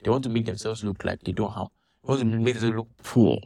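A man giving an animated, indignant monologue, restarting his sentences often. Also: fairly low pitch, fast talker, creaky, no echo, clean studio sound. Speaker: church member commenting on a dispute. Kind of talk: casual monologue vlog.

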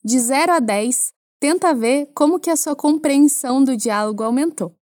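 High-voiced Brazilian woman teaching French. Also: normal speed, a little mellow, dry recording, clean studio sound. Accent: Brazilian Portuguese. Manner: clear, patient teaching with playful asides. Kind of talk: language lesson for Portuguese speakers.

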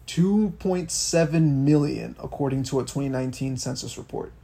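A man's voice: mid-range voice, moderate pace, creaky, warm tone. A young man from Miami co-hosting a podcast, ranting about politics in casual, profane talk full of restarts. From Miami, Florida. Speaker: podcast co-host.

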